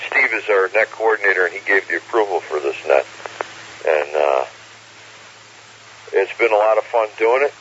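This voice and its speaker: A man's voice: sits low, normal speed, pauses often, a bit bright. A man with a folksy, joking way of talking, casually hosting an amateur radio net as net control, over a radio transmission with static. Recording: hissy, muffled radio with static.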